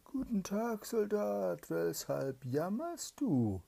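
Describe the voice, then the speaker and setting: A woman voicing a sly, wheedling evil male spirit in a bedtime fairy tale, in a high, drawn-out coaxing voice. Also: very animated, gravelly, dark tone, breathy edge, full character voice.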